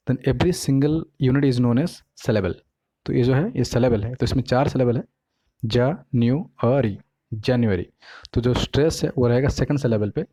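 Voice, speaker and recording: Brief: male pronunciation tutor with an Indian accent, mellow and dry, code-switches, drills syllables slowly. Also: medium pitch, dry recording, poor audio. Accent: Indian English. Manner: mixes Hindi and English, keeps asking "ठीक है?"; spells and repeats words slowly by syllable. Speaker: English pronunciation teacher. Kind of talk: casual classroom-style explanation.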